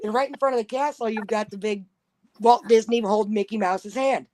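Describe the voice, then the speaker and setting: A woman's voice: a little high, fairly quick, a loud crowd. Woman telling a profane story, laughing. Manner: laughs through her stories, acts out the people she quotes. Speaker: storyteller in a podcast chat.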